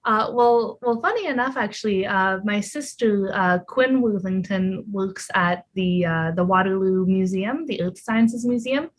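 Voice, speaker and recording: A young PhD student from Ontario, Canada, is interviewed casually over a video call. Her mid-range voice is unhurried with hardly any pauses, and she answers in a friendly, thoughtful way, using many fillers.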